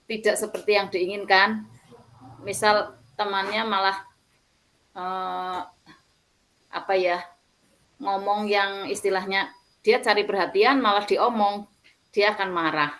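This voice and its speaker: A woman teacher, speaking slowly and hesitantly in a group discussion, with fillers and soft laughs. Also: medium pitch, fairly even intonation, poor audio.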